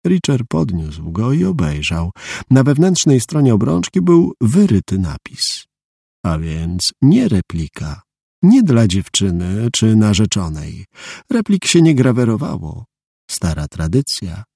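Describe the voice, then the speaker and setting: A man's voice: fairly low pitch, very animated, measured pace, gravelly, warm tone, husky, dry recording. A man narrating an audiobook in a dry, matter-of-fact storytelling manner. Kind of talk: scripted narration.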